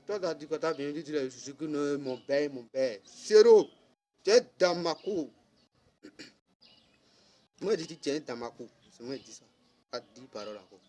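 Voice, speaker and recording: Speaking at normal speed, a man with a slightly mellow mid-range voice casually rants at someone. His scolding is repetitive and aimed straight at the listener, hammering points through repetition.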